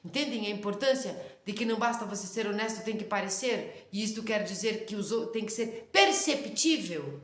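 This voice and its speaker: A woman with a Rio Grande do Sul interior accent giving a casual religious lesson, talking fast, loud and intensely. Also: mid-range voice, animated. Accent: Rio Grande do Sul interior Brazilian Portuguese. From interior of Rio Grande do Sul, Brazil. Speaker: Torah teacher. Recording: roomy echo.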